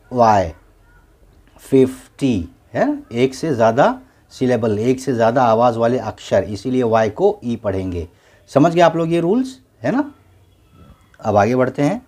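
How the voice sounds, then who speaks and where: A man's voice: medium pitch, darkish tone. Patient man teaching spelling step by step. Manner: patient, spells words out letter by letter; repeats each word twice. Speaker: English teacher. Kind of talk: spoken lesson for beginners.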